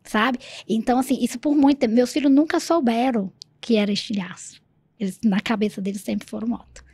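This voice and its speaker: A soft-spoken woman with a Brazilian Portuguese accent, hosting a podcast in a gentle, quiet manner. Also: on the high side, fairly even intonation, brisk, slightly rough, dry recording. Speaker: podcast host. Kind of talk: casual conversation.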